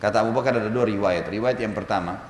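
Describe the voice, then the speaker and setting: A male preacher telling a story in a sermon, lively and chuckling, acting out the voices of the people in it. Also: lowish voice, quick pace, slight background noise. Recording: echoey hall reverb, faint ambience.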